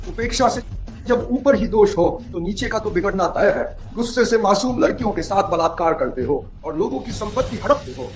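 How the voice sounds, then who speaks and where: A man voicing a wronged young man who speaks with anger and contempt in a dubbed drama. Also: high voice. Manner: angry, contemptuous. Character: furious wronged young man seeking revenge.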